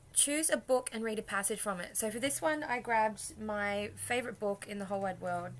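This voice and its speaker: A woman's voice: mid-range voice, a little hiss or hum. A young woman with an Australian accent, chatting casually in a rambling, self-deprecating way. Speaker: vlogger. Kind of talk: casual chat.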